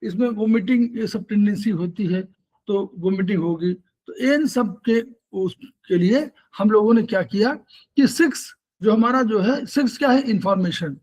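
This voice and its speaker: A man's voice: high-pitched, moderate pace, a little mellow. A man with a North Indian Hindi accent teaching acupressure in an explanatory lecture, asking and answering his own questions and often correcting himself. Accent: Hindi-speaking North Indian.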